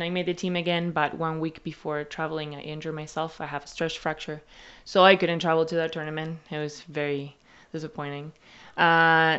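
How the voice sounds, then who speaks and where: A young woman in her twenties from Argentina, a university basketball player and interview guest, answering with hesitant pauses and fillers. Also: sits low, fairly bright tone, clear, resonant tone, highs cut off. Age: 20s. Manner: hesitant, many filler uhs, speaks in short phrases.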